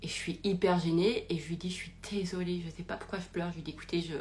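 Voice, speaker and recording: A woman's voice: lowish voice, quick pace. Rambling woman telling a personal story. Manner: rambling, animated, with many fillers and restarts. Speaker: podcast host. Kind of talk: casual storytelling from an Instagram live.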